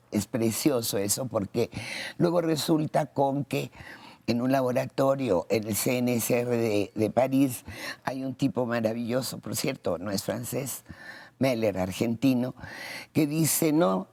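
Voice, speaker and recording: Hombre mayor, acento mexicano, experto invitado; cuenta anécdotas con entusiasmo. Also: male voice, mid-range voice, a little slow, vocal fry, a little mellow. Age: older. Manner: enthusiastic, digressive storyteller. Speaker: guest expert. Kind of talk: TV interview.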